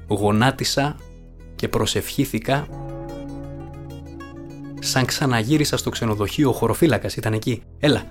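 A man narrating an audiobook in a measured storytelling manner over faint guitar music. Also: mid-range voice. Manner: measured storytelling, voicing characters. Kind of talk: scripted narration of a book.

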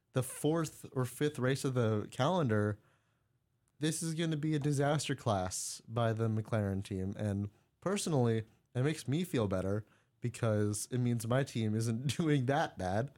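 A male podcast co-host in casual sports chat jokes around, laughing mid-sentence and rambling. His mid-range voice has a darkish tone and measured pace, captured on a studio mic.

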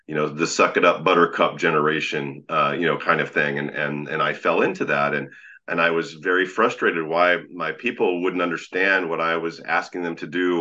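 A man with a low, magnetic, deep voice talking conversationally as a guest in an interview, on a slightly dull recording. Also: sharp tone. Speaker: podcast guest, leadership coach.

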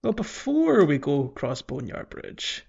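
Lo-fi audio captures a man with a slightly high, husky, creaky voice, darkish in tone and swinging hugely in pitch at a somewhat slow pace. He's co-hosting a podcast, casually commenting on a video game playthrough and chuckling frequently.

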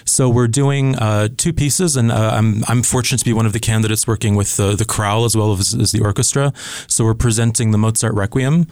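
A man's voice: fairly low pitch, fairly even intonation, a little fast, a little mellow, no room sound. A man in his thirties, born in Scotland and raised in Switzerland, talking eagerly as a guest in a casual radio studio interview. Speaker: conductor candidate, interview guest.

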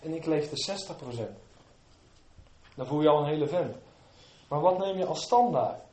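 A man preaching a sermon to his congregation, moving between quiet, low asides and loud, fervent emphasis. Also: expressive, moderate pace, echoey room.

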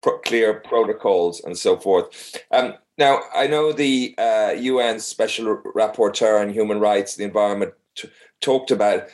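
A man interviewing someone conversationally, feeling his way through long questions with halting rephrasing. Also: lowish voice, darkish tone.

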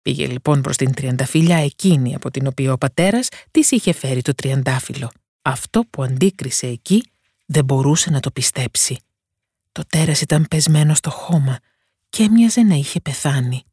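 Breathy woman reading a fairy tale. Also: rumbling low, animated, mellow, dry recording, studio quality. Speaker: storyteller. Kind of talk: scripted fairy-tale narration.

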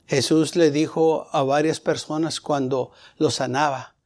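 A man's voice: a little high, fairly even intonation, measured pace, darkish tone. A man preaching a sermon, telling a personal story and acting out the dialogue. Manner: storytelling, acts out dialogue in changing voices. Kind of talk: testimony sermon.

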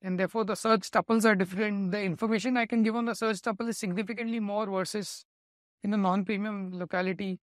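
A man's voice: sits high, fairly even intonation, quick pace, dry recording, clean studio sound. A man with an Indian English accent answering business interview questions in an explanatory way, sometimes correcting himself mid-sentence. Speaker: company executive, interview guest.

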